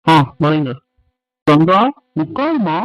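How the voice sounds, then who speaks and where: A man's voice: on the high side, very animated, slow pace, dry recording, poor audio. Man voicing earnest village family men. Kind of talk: cartoon dubbing.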